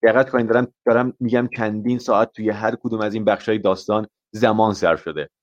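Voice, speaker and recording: On a live stream, a man teaches an IELTS lesson, patiently explaining with examples as he mixes Persian and English. His voice is fairly low and steady, and the audio is lo-fi.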